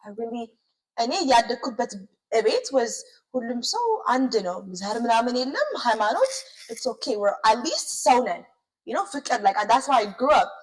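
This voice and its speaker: Quick, high-voiced young woman. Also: poor audio. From United States. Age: young adult. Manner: animated storytelling, quick and emphatic. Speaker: co-host. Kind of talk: casual chat.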